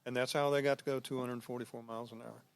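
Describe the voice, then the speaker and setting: An easygoing man at a middling pitch tells anecdotes in a laid-back way. He is a guest in a casual chat, and the recording is close and dry. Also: fast talker, vocal fry, clean tone, no room sound. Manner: easygoing storyteller, relaxed anecdotes. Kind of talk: casual conversation.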